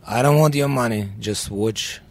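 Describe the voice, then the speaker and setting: A man with a Russian accent, a musician guest in a casual radio interview, joking with deadpan self-mockery. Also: mid-range voice, moderate pace.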